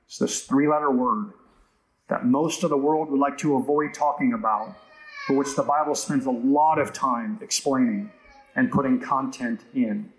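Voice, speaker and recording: Male pastor, mid-pitched, chatty sermon delivery, reverberant room sound. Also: fairly even intonation, moderate pace. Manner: conversational preaching with frequent "right?" asides.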